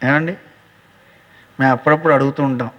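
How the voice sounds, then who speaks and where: A religious teacher delivers a devotional storytelling sermon, animatedly acting out dialogue and speaking directly to his listeners. His voice is medium-pitched and brisk, and the muffled recording carries a long hall reverb.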